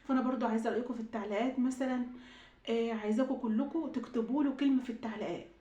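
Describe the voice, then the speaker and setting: A woman's voice: a little high, very fast, dark tone, echoey room, lo-fi sound. A woman with an Egyptian Arabic accent tells a personal story to her viewers. She sounds upset and choked up, pleads, and repeats herself. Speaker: YouTube vlogger. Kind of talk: emotional storytime vlog.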